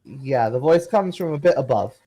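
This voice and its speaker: A man narrating as game master of a tabletop game, hesitant and full of pauses. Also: medium pitch, animated, dark tone, rough recording. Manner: hesitant, lots of uh and restarts.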